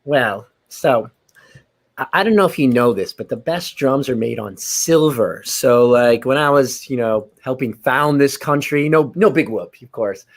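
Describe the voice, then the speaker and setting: A man's voice: medium pitch, expressive, measured pace. A man playing a rambling, boastful founding father. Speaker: bachelor contestant. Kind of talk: improv game-show comedy.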